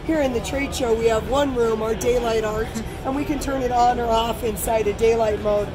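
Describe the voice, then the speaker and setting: High-voiced woman giving a trade show pitch. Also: fairly even intonation, moderate pace, low-quality recording. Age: middle-aged. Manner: explanatory, step-by-step walkthrough. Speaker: company representative demonstrating a product. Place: large busy trade show hall booth. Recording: busy crowd noise and music behind.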